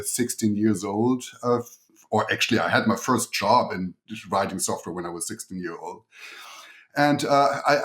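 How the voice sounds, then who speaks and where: A middle-aged man with a German accent, giving conversational answers as an interview guest. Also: on the low side. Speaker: podcast guest, engineer and investor.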